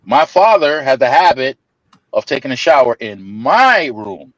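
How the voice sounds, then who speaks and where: A man telling a long family story in casual chat, laughing often, stammering over restarts and jumping into high voices to mimic people. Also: big pitch swings, measured pace, crowd noise, rough recording.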